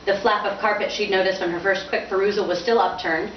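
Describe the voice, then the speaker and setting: Speaking fast in a mid-range voice with fairly even intonation, a woman author gives an informal bookstore talk and dramatically reads from her own novel. The lo-fi event recording is roomy, distant, noisy, and bandlimited.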